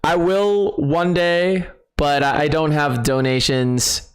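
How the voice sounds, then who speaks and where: A man hosting a live gaming stream, chatting with viewers, excitable, laughing often and repeating himself. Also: fairly high pitch, slow pace. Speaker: streamer host. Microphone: desk microphone.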